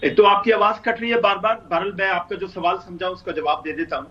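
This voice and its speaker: A man with a high-pitched voice gives measured political commentary, asking himself rhetorical questions. He comes through a remote feed with a bad connection. The sound is muffled and far from the mic. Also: fairly even intonation, sharp tone. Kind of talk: talk show commentary. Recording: dull, distant remote line.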